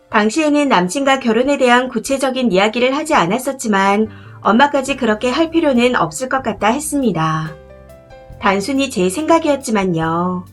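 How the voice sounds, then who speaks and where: A woman narrating a first-person story in a steady, measured reading voice. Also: a little high. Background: faint background music.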